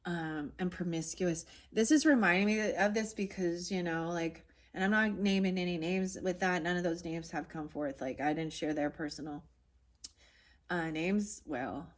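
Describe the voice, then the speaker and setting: Rambling woman reading tarot, lower voice. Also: steady tone, normal speed. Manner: rambling, with frequent fillers and restarts. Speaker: tarot reader. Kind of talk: casual spoken tarot reading.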